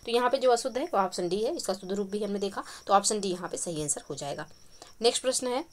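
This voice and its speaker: A woman takes listeners through exam questions one by one in a calm, explanatory lesson. She repeats each correct answer for emphasis. Crickets chirp faintly outside her home at night. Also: mid-range voice, fast. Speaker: Hindi exam-prep teacher. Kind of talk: spoken quiz lesson.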